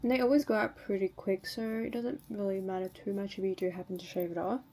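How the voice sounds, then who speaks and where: Talking fast in a steady, dark-toned, medium-pitched voice, a woman narrates her routine step by step for viewers. She's a beauty vlogger doing casual tutorial chat, and the audio carries a little hiss or hum.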